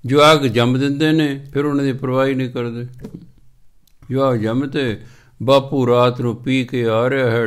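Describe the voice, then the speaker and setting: A Punjabi-accented man delivering a sermon at a mid-range pitch. He chants scripture slowly, then explains it with rhetorical questions and little acted-out scenes from home life. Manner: lively, rhetorical questions, acts out everyday dialogue. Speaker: Sikh preacher giving scripture commentary.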